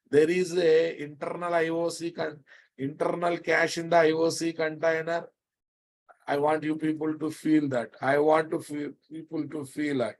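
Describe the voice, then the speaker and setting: Emphatic higher-voiced man, Telugu Indian accent. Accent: Telugu Indian English. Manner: emphatic, repetitive, chiding, prodding students with questions. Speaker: programming instructor. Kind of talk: live technical lecture to students.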